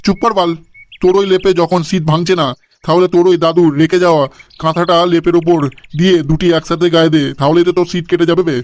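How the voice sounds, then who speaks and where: A man's voice: on the high side, flat delivery, fast, a little mellow, slight background noise, natural voice. A man voicing a crude, balding old cartoon father who swears and mispronounces English words. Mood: scolding. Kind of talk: cartoon comedy voice acting.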